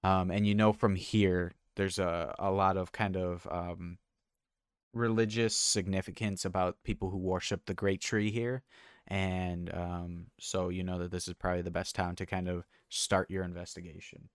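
A man runs a tabletop game with a low, smooth voice, narrating in a relaxed, unhurried way with frequent fillers. The sound is dry and close. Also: no echo. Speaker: game master.

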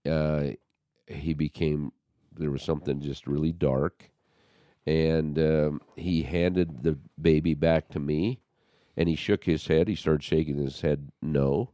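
A man's voice: very deep voice, slow pace, dry recording, studio quality. A man hosting a conversation, telling a personal story with animation and acting out what people said. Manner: animated storyteller, acts out quotes.

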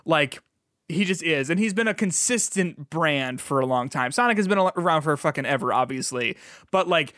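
Chatty man with a fairly high voice. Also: expressive, moderate pace, fairly bright tone, no room sound, studio quality. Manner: chatty, laughing often, loose and swearing. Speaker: podcast host. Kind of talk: casual chat.

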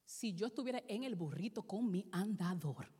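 A woman pastor preaching a sermon in a church, pausing line by line for an interpreter and swinging from loud to hushed. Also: medium pitch, lively intonation, husky, big-room sound.

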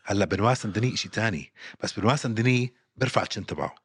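Man, podcast co-host, emphatic, repeats himself, quick pace, breathy voice. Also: lowish voice, expressive, no echo, clean studio sound. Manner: emphatic, repeats his points. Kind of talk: casual sports chat.

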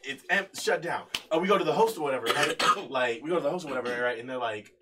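A man's voice: medium pitch, fast. A young man co-hosting a podcast, telling a story among friends in a casual, slangy way, laughing and acting out what others said. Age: young adult. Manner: slangy, laughing, acts out quotes. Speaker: podcast co-host. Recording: distant mic with background noise.

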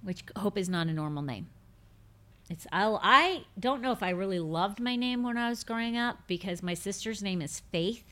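This faith podcast host, a woman in her fifties, answers listener questions in a casual, emphatic way, frequently repeating words for emphasis. She speaks at a moderate pace in a mid-range, animated voice that sounds pushed and bright.

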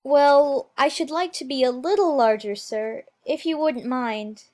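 A man's voice: extremely high pitch, measured pace, pitched above the performer's own voice. A man voicing a polite, timid, easily flustered young girl in a storybook, speaking earnestly and plaintively. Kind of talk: storybook character voice.

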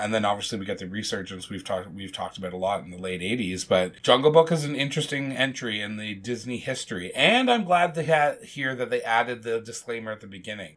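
Low-voiced man in casual podcast chat. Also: a bit bright. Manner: candid, reflective, emotionally open. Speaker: podcast co-host. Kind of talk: casual film discussion.

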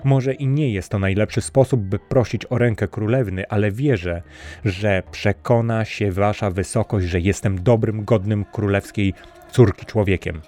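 A gentle, earnest young prince, as a male narrator reads him, speaking calmly and with courtesy. The voice sits deep and low. Faint music plays behind this storybook reading. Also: moderate pace, natural voice. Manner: calm, courteous and sincere.

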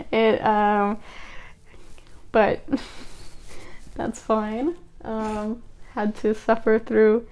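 A young woman with a slightly high voice chats casually as a podcast co-host. She tells stories in an animated way and fills them with filler words. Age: young adult. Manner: animated storytelling, many fillers. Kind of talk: casual chat.

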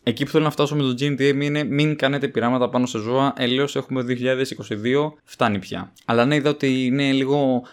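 Casting: young male comedian, podcast monologue, mid-pitched, jokey, animated, with sudden high jumps in pitch. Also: clean tone. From Greece. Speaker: podcast host, stand-up comedian.

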